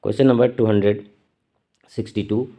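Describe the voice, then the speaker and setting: A man teaching an exam prep lesson. He reads English questions slowly, then explains them quickly in Hindi. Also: fairly low pitch, steady tone, mellow. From India.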